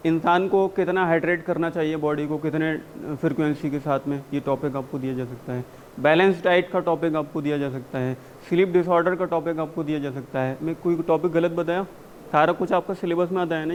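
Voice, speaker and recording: A man coaching spoken English in a classroom, mixing Hindi and English, drilling phrases slowly and urging students to read with energy. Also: a little high, dull audio, a little hiss or hum. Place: university classroom.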